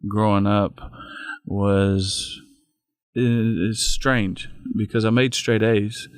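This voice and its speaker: A middle-aged man with a lowish voice tells his story in plain, folksy words, backing up and restarting his sentences as he goes. He is a pastor speaking as a guest, and the sound is close and dry with no room around it. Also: flat delivery, slow, clear, resonant tone, no echo. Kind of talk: personal storytelling in a podcast interview.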